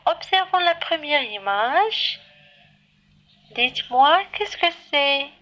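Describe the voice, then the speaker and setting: A woman's voice: high-pitched, bright, forceful tone, highs cut off. A woman teaching a primary school reading lesson, spelling out letters one by one and praising the children often in a patient, encouraging way.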